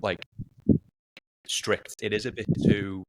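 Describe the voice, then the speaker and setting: A man in casual podcast chat, talking in a relaxed, rambling way with lots of fillers. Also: fairly low pitch, takes it slowly, slight background noise, rough recording. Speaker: podcast guest.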